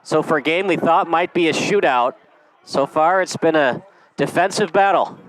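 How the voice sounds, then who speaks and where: A man calling a high school football game play by play, in a brisk, chatty manner. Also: fairly bright tone, no echo, low-quality recording. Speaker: play-by-play announcer. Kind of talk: live sports commentary.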